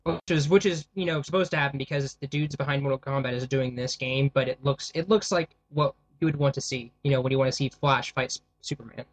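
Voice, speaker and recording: A man with a mid-range voice co-hosts a podcast in casual conversation, recorded with no echo. His delivery is halting, and he keeps stopping and restarting his sentences.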